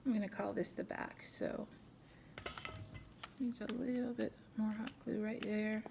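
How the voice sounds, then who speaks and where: A woman's voice: mid-range voice, flat delivery, unhurried, gravelly, noisy background. A middle-aged woman hosting a casual crafting tutorial at home, chatting and thinking aloud as she works. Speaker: craft video host.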